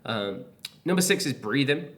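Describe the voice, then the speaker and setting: A man's voice: mid-range voice, expressive, normal speed. A man teaching cold-calling in a casual, plain-spoken way. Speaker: sales coach. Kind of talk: instructional talk to camera.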